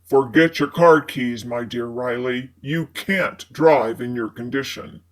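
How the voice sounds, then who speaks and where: A woman voicing a suave, protective man from the 1950s, speaking low, calm and coaxing. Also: takes it slowly.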